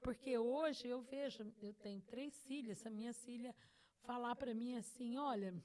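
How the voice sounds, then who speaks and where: A woman's voice: on the high side, steady tone, moderate pace, a little mellow. A middle-aged woman host sharing an emotional personal testimony, earnest and repeating phrases for emphasis. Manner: acts out her own past words to God.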